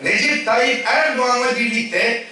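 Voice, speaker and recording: A man's voice: extremely high pitch, measured pace, pushed and bright. A middle-aged man giving a formal political speech at a podium microphone, addressing a congress crowd in rhetorical, phrase-by-phrase delivery. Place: large echoey congress hall. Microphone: speaking at a podium microphone. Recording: echoey hall, distant mic, audible room noise.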